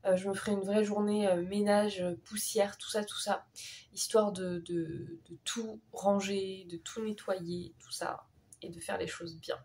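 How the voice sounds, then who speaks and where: A woman's voice: medium pitch, little pitch movement, a little slow, a little mellow. A young woman with a stuffed-up, nasal, sore-throat voice from a cold, chatting casually in a rambling, self-correcting way for a vlog. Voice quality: congested, nasal voice from a cold with sore swollen tonsils. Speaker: vlogger.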